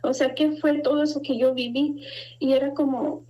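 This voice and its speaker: High-voiced woman telling a tearful testimony. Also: steady tone, warm tone. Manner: earnest, halting, voice rising when recalling fear. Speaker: guest giving a religious testimony. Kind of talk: emotional personal testimony. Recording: dull lo-fi sound.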